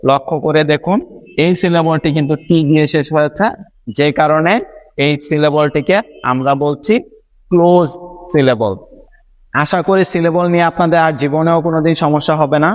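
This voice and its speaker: A man with a Bangladeshi accent teaching an online English lesson, patiently spelling out letters and repeating words slowly. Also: on the high side.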